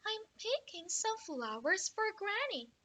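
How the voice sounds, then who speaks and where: A woman doing a sweet, high little girl. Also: big pitch swings, slow pace, sharp tone, exaggerated voice.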